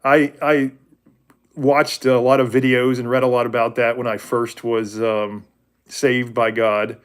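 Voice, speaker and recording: A man's voice: mid-range voice, little pitch movement, a little slow, clear, resonant tone. Man, 40s, livestream host; candid, rambling faith talk with viewers. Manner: rambling and candid, often restarts and corrects himself.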